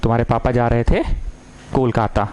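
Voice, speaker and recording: A man teaching a maths lesson, coaxing his students and repeating lines slowly as he dictates. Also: mid-range voice, steady tone, a little mellow, clear, resonant tone, low-quality recording. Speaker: maths tutor.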